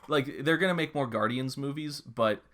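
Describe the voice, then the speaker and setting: A man in his twenties co-hosting a podcast, chatting casually with quick laughs and some swearing. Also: medium pitch, pushed and bright. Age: 20s. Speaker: podcast co-host. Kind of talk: casual chat.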